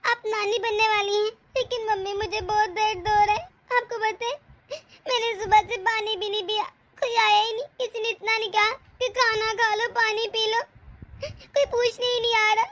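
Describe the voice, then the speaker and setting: A woman's voice: very high-pitched, little pitch movement, moderate pace, a bit bright, a little hiss or hum. A woman voicing a young pregnant daughter-in-law who pleads tearfully in a cartoon story. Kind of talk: cartoon voice acting.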